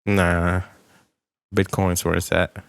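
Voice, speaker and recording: A man talks in a low voice, rambling and trailing off as he thinks aloud on a podcast. His delivery is loose and hesitant, with plenty of fillers. The sound is dry and close. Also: little pitch movement, slow, creaky, clean tone, no room sound. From Texas. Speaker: podcast co-host. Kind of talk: casual chat.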